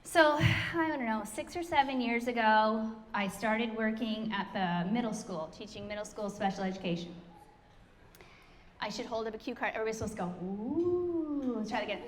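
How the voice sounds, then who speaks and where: A woman's voice: a little high, a little fast. A middle-aged woman telling a chatty, self-deprecating story to an audience, laughing often. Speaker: speaker introducing the founder. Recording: hall reverb, faint room noise.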